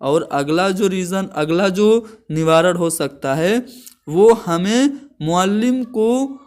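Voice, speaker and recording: Male teacher, slightly raised pitch, methodical explainer who poses and answers questions. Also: expressive, slow, darkish tone. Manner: explains point by point, asks and answers own questions. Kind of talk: classroom-style lecture.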